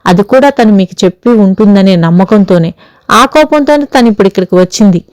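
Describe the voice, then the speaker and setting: A woman's voice: medium pitch, expressive, a little fast, darkish tone, no echo, close to an everyday voice, rough recording. A woman voicing a troubled young husband as he earnestly confesses an old fear. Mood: confessional.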